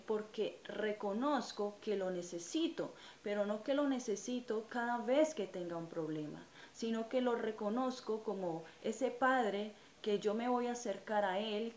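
A woman's voice: mid-range voice, a little mellow. A Colombian woman in her thirties giving a personal religious testimony to camera, earnest and reflective, with frequent hesitant fillers. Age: 30s. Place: small indoor room in front of a curtain. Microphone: camera or phone at close range. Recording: echoey room with faint ambient noise.

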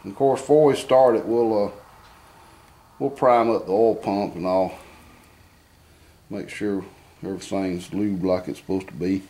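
A man's voice: lowish voice, steady tone, unhurried, pauses often, warm tone. A man casually explaining an engine job as he works, thinking aloud and muttering to himself in a dim workshop. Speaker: home mechanic. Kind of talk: casual how-to demonstration.

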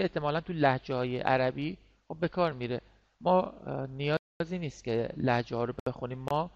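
A man teaching a class, explaining words patiently and repeating them, with many fillers. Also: medium pitch. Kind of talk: online class lesson. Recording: dull lo-fi sound.

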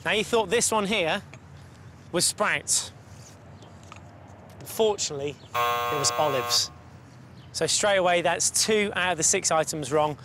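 A man's voice: high voice, animated, measured pace, pauses often, background noise. A man presenting a children's TV game show outdoors, coaxing and guiding the contestants step by step in an upbeat way. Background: background music.

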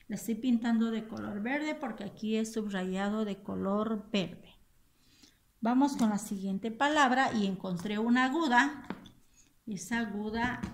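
A woman teacher, giving a recorded lesson to children and slowly repeating and spelling out each word. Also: a little high, a little hiss or hum. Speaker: school teacher.

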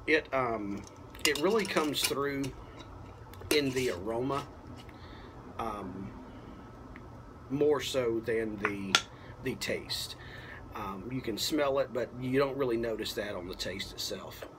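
A man in his thirties gives a casual, unhurried product review to camera, often halting as he thinks aloud. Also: medium pitch. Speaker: pipe tobacco reviewer. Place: apartment balcony at night. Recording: clearly noisy, outdoor ambience.

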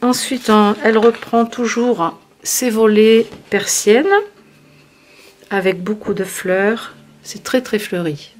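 A woman's voice: mid-range voice, fairly even intonation, slow pace. Woman, casual craft review, hesitant and chatty, faint background noise. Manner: chatty, hesitant, many fillers and restarts. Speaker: scrapbooking channel host.

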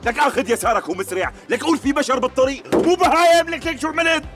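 A furious Syrian driver who rants and swears. His voice is high and swings widely as the words pour out fast. Music runs under the TV scene. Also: animated. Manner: shouting insults, exasperated. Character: angry male driver hit in a car crash. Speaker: actor in a comedy sketch.

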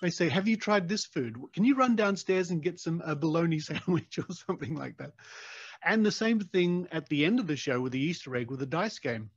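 A man's voice: on the high side, expressive, brisk, slightly rough. A man with an Australian accent hosting a podcast, chatting casually and animatedly, laughing easily. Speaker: podcast host. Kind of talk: casual interview chat. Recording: dry, slightly dull sound.

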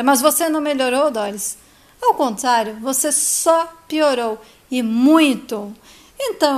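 A stern, exasperated middle-aged father lays down the law in firm, scolding bursts, as a woman retelling a soap opera plays him. The voice stays high throughout, and he repeats himself when angry. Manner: firm, scolding, repetitive outbursts.

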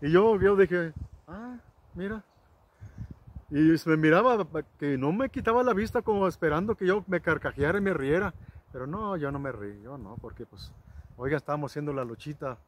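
A man's voice: fairly high pitch, lively intonation, a little fast, slight background noise. A man telling rambling, folksy ranch stories to his viewers, with many restarts and asides. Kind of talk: casual storytelling to camera.

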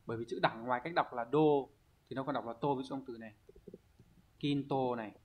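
A male language teacher reviews test questions one by one, explaining each answer step by step. His voice sits at an ordinary middle pitch. He keeps a patient, explanatory tone and often pauses to ask whether his students are following. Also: fairly even intonation.

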